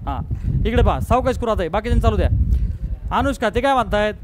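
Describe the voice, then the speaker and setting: A man's voice: high voice, expressive, quick pace. A man with a Marathi accent teaching a math class, coaxing students and checking again and again whether they follow. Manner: coaxing, repeatedly checks understanding. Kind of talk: classroom lecture. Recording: noisy classroom recording.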